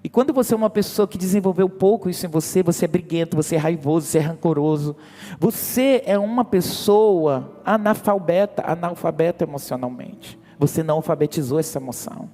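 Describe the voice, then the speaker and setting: A man's voice: on the high side, brisk, dark tone, in a large hall. A man preaching an emphatic sermon and calling on the congregation to respond. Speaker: pastor.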